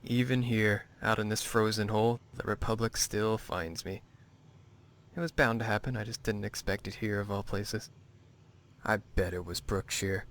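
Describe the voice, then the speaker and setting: Brief: man voicing a bitter fugitive in a game, low flat monotone, resentful, faint noise behind. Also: normal speed, natural voice. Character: bitter hunted man, former spy technician. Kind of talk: video game dialogue.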